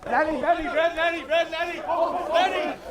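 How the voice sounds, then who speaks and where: A man's voice: very high voice, steady tone, normal speed. Man barking calls through a fuzzy, distorted mic. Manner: barks short, clipped calls. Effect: fuzzy distorted mic sound. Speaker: rugby referee. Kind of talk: on-field commands picked up by a referee mic. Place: outdoor sports ground. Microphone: worn body mic. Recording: distorted body mic outdoors, loud crowd.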